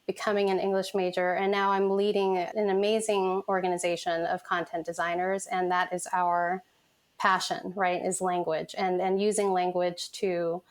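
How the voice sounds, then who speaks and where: A woman in her forties who grew up in San Francisco, United States, appears as a guest on a casual podcast interview, where she works as a content design manager. Her voice is lowish and fairly flat, at normal speed. She tells her story in a reflective, chatty way, full of "you know" fillers.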